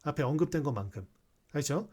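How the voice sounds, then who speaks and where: A male English teacher in a recorded class explains sentences, reading English lines aloud between explanations and often checking in with rhetorical questions. He talks fast and animatedly, with a voice on the high side, a darkish tone, and a breathy edge.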